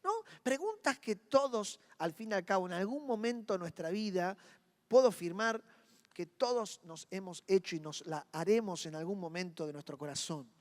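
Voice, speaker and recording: Preaching with drama in a Rioplatense Spanish accent, a male pastor swings from hushed passages to loud ones while acting out inner voices. He speaks at normal speed in a high voice, with the sound of a large room around him.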